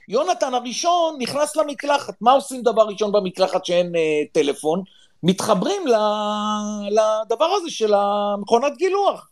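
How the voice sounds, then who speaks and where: A middle-aged man from Israel telling a story with drama, often urging his listeners to listen well. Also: high-pitched. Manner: excitable, dramatic, swears, repeats "listen well". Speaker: podcast panelist. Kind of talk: animated storytelling.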